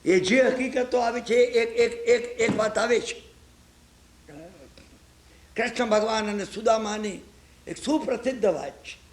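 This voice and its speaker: A man's voice: very high voice, fairly even intonation, a little slow, long pauses. A man giving a storytelling religious lecture, constantly checking on his listeners with rhetorical asides. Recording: echoey lecture hall.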